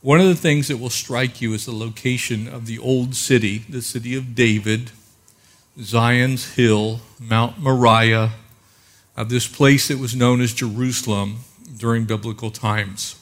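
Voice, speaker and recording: A man's voice: mid-range voice, steady tone, a little slow, fairly bright tone. A male pastor preaching a sermon into a pulpit microphone, conversational with frequent filler words, calling out for an amen.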